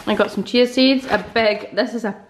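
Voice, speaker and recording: A woman in her thirties chatting to camera at home as a lifestyle vlogger, telling stories in a lively way and laughing often. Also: a little high, normal speed, slight background noise. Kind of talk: casual vlog chat to camera.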